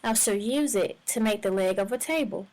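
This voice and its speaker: A woman reads the lines of an old male carpenter, pleased and mumbling to himself in a storybook reading. The voice stays close to an ordinary speaking voice at a medium pitch. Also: normal speed, a little mellow, natural voice, low-quality recording.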